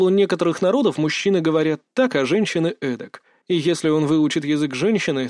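A man's voice: fairly high pitch, darkish tone, no room sound. Man narrating an audiobook, dry close sound. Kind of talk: first-person audiobook narration.

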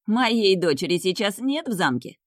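A woman's voice: medium pitch, big pitch swings, normal speed, no room sound, pitched above the performer's own voice. Brief: woman reading cruel mocking nobleman, ordering people about, dry close reading. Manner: sneering, gloating, barking orders. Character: cruel mocking young dark-haired man, mad laugh.

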